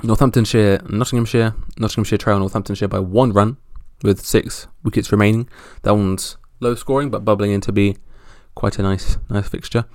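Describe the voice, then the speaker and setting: A man with a gravelly, lowish voice presents a casual sports roundup on his own. His delivery is wry and halting, like a podcast host thinking as he goes. The sound is dry, with very little room on it. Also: steady tone, a little mellow, no echo.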